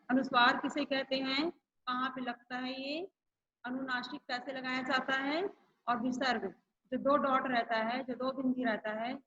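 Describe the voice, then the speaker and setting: A woman's voice: high-pitched, fairly bright tone, breathy edge, dull audio. A woman teacher giving an online grammar lesson to schoolchildren, repeating each rule and example. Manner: slow, repeats each point and example for pupils.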